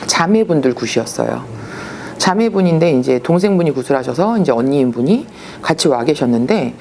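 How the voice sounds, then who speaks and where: A woman, a shaman, telling stories in a casual, animated way and acting out the voices she quotes. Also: low-pitched, gravelly, a little hiss or hum. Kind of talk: casual storytelling.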